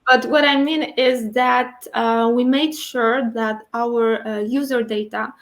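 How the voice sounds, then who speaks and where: Higher-voiced woman talking with braces. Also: fairly even intonation, takes it slowly. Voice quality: speaking with dental braces, slightly impeded articulation. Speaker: guest speaker, internal communications and IT professional. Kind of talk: explanatory interview answers.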